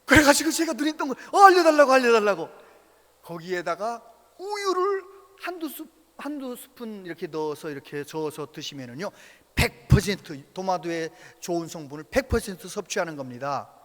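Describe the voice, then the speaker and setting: A man preaching a sermon as pastor, telling stories with animated, acted-out voices. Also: high voice, brisk. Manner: animated storytelling, acts out quoted voices. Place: church sanctuary. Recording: reverberant church hall.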